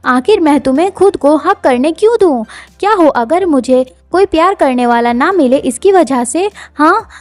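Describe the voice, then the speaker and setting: A woman voicing a proud, quick-tempered young noblewoman in a manhwa recap, scolding and exasperated. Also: high voice, expressive, no room sound.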